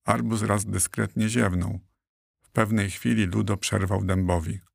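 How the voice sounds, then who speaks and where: A man narrating a children's audiobook in a steady, clear storytelling manner, recorded close in a studio. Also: fairly low pitch, unhurried, no echo.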